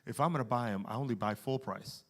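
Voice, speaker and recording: A man preaching puts on the voice of his old boss, a pompous man who insists he is humble, speaking high and fast. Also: lightly acted. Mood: boastful. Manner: high, quick, self-satisfied mimicry. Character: boastful male former boss, falsely humble.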